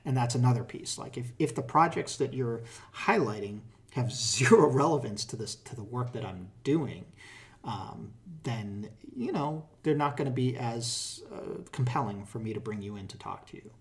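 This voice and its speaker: A middle-aged man with a Boston accent, a tech hiring manager, giving advice in a relaxed, casual interview with plenty of fillers and restarts. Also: medium pitch, moderate pace.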